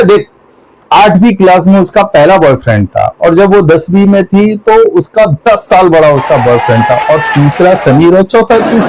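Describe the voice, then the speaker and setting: Young male stand-up comic, high voice, lively storyteller who acts out his dialogue, faint noise behind. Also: poor audio. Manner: animated storytelling with acted dialogue and sudden shouts. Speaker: stand-up comedian. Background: audience laughter.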